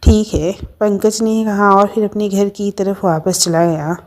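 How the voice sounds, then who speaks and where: A woman narrating a family story in a steady, expressive reading. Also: mid-range voice, a little slow.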